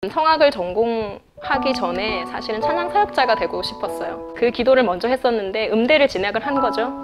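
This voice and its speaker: A woman in her thirties speaks earnestly and candidly about her life as a singer, laughing now and then. Her voice sits a little high. Soft instrumental music plays clearly beneath her. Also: expressive, fairly quick. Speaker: CCM singer and classical vocalist, interviewee. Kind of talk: reflective interview answers. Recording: music bed under the voice.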